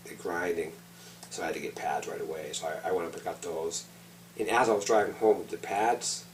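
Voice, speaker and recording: A middle-aged man with a deep voice rambles in a laid-back stoner manner. His talk is loose, casual and full of swearing, like an off-the-cuff personal vlog. The mic sits at a distance, with a faint noisy hum behind him. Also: darkish tone.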